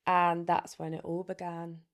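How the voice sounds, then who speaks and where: A woman's voice: on the low side, completely flat delivery, unhurried. A young woman, co-hosting a casual podcast chat and telling stories with frequent laughter. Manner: chatty storyteller, laughing often. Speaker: podcast co-host.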